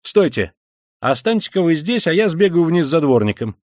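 A man reading an audiobook, voicing an excitable young law student who talks loudly and insistently. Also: fairly high pitch, no echo, studio quality, pitched above the performer's own voice. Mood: eager, urgent. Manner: loud, quick, insistent.

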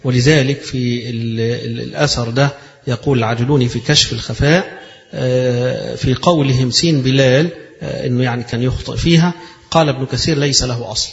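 Fast-talking Egyptian man lecturing. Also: mid-range voice. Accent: Egyptian Arabic. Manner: reads a passage, then explains it in colloquial speech; demonstrates pronunciation by repeating phrases. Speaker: religious lecturer. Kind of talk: lecture explaining a read-out text. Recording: echoey hall, dull lo-fi sound.

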